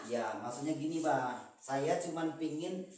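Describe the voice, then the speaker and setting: A man playing a healer in a staged skit, politely trying to calm an angry shaman. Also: a little high, measured pace, heavy background noise. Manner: placating, polite, repeatedly calming. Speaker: spiritual healer. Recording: echoey room, far from the mic.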